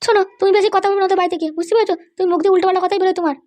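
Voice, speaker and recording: Woman plays a shrill, scolding cartoon mother, very high and fast. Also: fairly even intonation, darkish tone, no echo. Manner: nagging, scolding. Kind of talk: cartoon voice acting.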